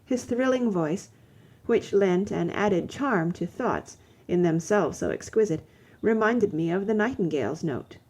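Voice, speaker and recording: Gravelly-voiced woman reading a novel. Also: mid-range voice, mellow. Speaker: audiobook reader. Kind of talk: first-person literary audiobook narration.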